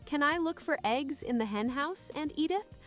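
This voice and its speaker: A woman voicing a boisterous, cheeky young farm boy in a storybook, loud and excitable. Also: high voice, moderate pace, soft background music, pitched above the performer's own voice. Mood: eager, cheeky.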